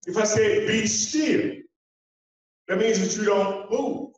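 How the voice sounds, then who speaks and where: A man in his forties giving a motivational keynote speech on a conference hall stage, walking about as he talks and using emphatic, repetitive phrasing with dramatic pauses. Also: sits high. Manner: walks the stage while speaking. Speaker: keynote speaker. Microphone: handheld mic heard through a distant camera. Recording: echoey hall from far off, dull sound.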